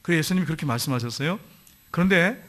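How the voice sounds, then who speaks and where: A man preaching a sermon to his congregation in church. He asks them questions directly and reads scripture slowly. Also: a little high, lively intonation, fairly bright tone. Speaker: pastor. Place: church sanctuary.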